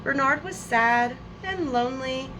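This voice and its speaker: Reading a picture book to young children, a high-pitched woman leads a storytime full of expression, stretching out her words. She chats with her listeners as though they were friends, tossing in friendly asides, while background noise comes through.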